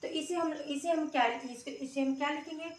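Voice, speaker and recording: Recorded from a distance in an echoey room, a high-voiced female teacher patiently sounds out letters for children during a grammar lesson. She keeps a moderate pace and frequently checks that everyone is keeping up.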